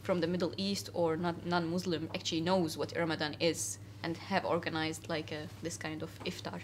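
Her low voice comes across flat and moderately paced, with slight hiss or hum. She is a young woman from Syria being interviewed casually in an indoor cafe, speaking earnestly but with frequent fillers and restarts.

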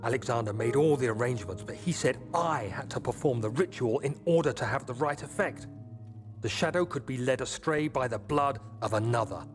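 A man's voice: mid-range voice, a little fast, lightly acted. An actor playing a haunted young man reading his diary aloud in a video game, tense and guilt-ridden. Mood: shaken, guilty. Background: game music.

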